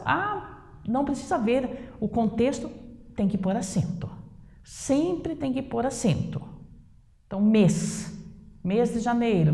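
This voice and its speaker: Brazilian woman teacher, slow didactic delivery, gravelly low tone; echoey room. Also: mellow. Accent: Brazilian Portuguese. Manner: didactic, repeats words slowly and stresses them. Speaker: Portuguese teacher. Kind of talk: online grammar lesson. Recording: echoey room with long reverb.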